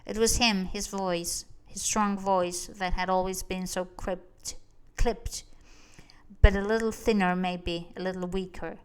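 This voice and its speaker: A woman reads an audiobook with measured, expressive narration. Her voice is smooth and resonant, pitched in an ordinary middle range.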